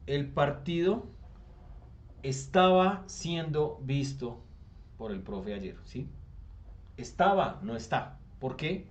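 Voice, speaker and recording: A man's voice: mid-range voice, darkish tone, highs cut off. A man with a Colombian Spanish accent teaching an English grammar class online, patiently explaining and often checking that students follow. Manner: reads English text aloud slowly. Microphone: computer mic on a video call.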